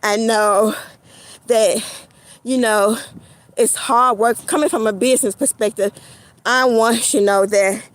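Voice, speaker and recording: A woman's voice: fairly high pitch, steady tone, unhurried, pauses often, low-quality recording. A woman vlogging casually while walking outdoors in winter, out of breath and rambling with many fillers. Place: outdoors on a snowy winter path.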